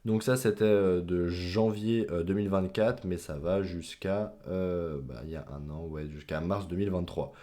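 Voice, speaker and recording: A man's voice: low voice, steady tone, normal speed, hardly any pauses, mellow. A man hosting an investing channel, talking through slides in a casual, chatty way, with many fillers and the odd self-mocking aside. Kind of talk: casual screen-share explainer.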